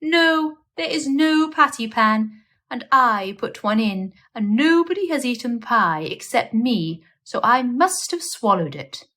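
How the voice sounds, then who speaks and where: A woman's voice: fairly high pitch, big pitch swings, unhurried, bright, forceful tone, pitched above the performer's own voice, exaggerated voice. A woman voicing an anxious, melodramatic lady animal in a storybook, moaning and plaintive as she talks. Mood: mournful, puzzled.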